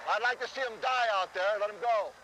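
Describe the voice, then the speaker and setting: A man's voice: high voice, brisk, sharp tone. A man coaching football from the sideline, barking exasperated orders and complaints at his players. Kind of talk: miked-up sideline shouting. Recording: noisy outdoor field sound.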